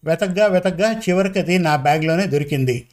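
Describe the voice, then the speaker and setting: A man narrating a first-person story in a measured, conversational storytelling manner. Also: high voice, darkish tone.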